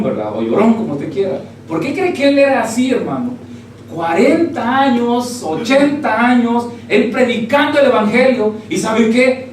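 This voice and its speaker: A man with a high voice preaches a sermon, calling listeners "brother" and firing rhetorical questions at them. He stands well away from the mic in a booming, echoey church hall. A faint hiss sits under the sound. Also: recorded from a distance. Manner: addresses listeners as "hermano" constantly, rhetorical questions. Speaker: pastor.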